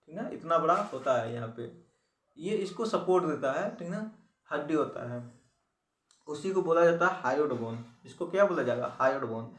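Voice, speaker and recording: A man's voice: fairly high pitch, recorded from a distance. Male teacher, exam-prep biology lesson, drills terms by repetition, recorded in an echoey room, set back from the mic. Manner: repeats key terms and quizzes the listener.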